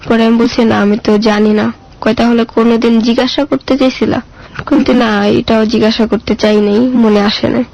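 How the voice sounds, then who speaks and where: Dull audio captures a woman with a fairly high, darkish voice, vocal fry, and a level tone at normal speed. Speaking casually in a colloquial Bangladeshi Bengali accent, she shares her life story as a guest and acts out past exchanges.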